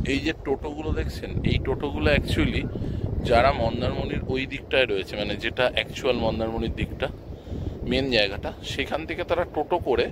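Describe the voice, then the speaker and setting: Man vlogging on a windy, noisy beach. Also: medium pitch. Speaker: travel vlogger. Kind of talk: casual unscripted vlog narration. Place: open sea beach outdoors, in the wind. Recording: windy outdoor noise on mic. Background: wind and outdoor ambience.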